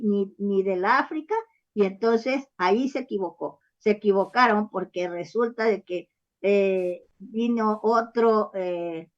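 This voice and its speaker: A woman author giving long, rambling interview answers, full of false starts and check-ins with the listener. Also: mid-range voice. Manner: rambling, often checks in with "¿sabes?" and "¿ah?"; frequent false starts and hesitations. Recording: dull lo-fi recording.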